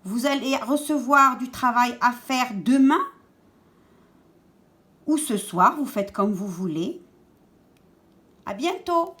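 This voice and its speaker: A woman teaching young children, saying each word slowly and twice while giving step-by-step instructions. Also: on the high side, expressive, fairly bright tone. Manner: slow, deliberate, repeats each word twice and stresses sounds. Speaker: schoolteacher. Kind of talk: remote lesson for young children.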